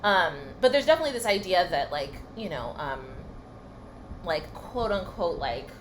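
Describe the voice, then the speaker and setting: A woman's voice: fairly low pitch, very animated, moderate pace, low-quality recording. Young woman chatting over faint city noise. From California. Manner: thoughtful, hesitant, many fillers. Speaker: podcast co-host. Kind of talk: casual chat. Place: apartment in a noisy city. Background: faint music and street noise.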